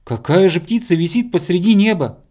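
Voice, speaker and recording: A small, eager hedgehog, voiced by a man reading a storybook, calling out in a high, bright little voice. He is earnest and quick to cheer his friends on. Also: animated.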